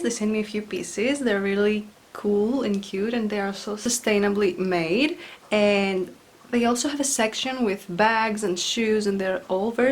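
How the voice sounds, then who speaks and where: A young woman vlogging casually from her living room, chatting and laughing at herself. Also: medium pitch. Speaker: fashion vlogger. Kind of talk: casual chat with read-out facts. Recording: music playing underneath. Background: music.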